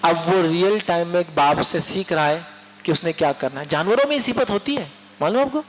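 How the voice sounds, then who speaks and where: A man from India delivering a lively sermon, often asking his listeners questions and acting out little dialogues. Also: high-pitched. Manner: lively, asks the audience questions and mimics dialogues. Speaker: preacher. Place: mosque hall. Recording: mosque hall with long echo and faint hum.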